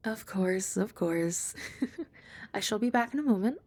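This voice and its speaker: Here a young woman does an ASMR roleplay as a calm, composed maid who grew up with the listener, polite and formal in speech with a gentle, dry teasing streak. She talks softly and now and then whispers, her mid-range, slightly rough voice carrying lively intonation at an unhurried pace.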